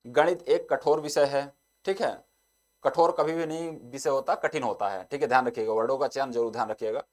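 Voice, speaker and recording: A young male teacher takes students through an exam-prep lesson at a mid pitch. He keeps coming back to the same short filler. When he reads an example sentence aloud, he slows it down.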